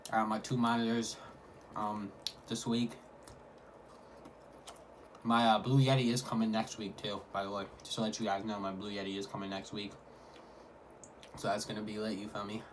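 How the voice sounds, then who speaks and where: A man's voice: lowish voice, level tone, moderate pace, pauses often. A man talking casually in a food vlog, hyping things up in repetitive slang. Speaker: mukbang vlogger. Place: at home. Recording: clearly noisy home recording.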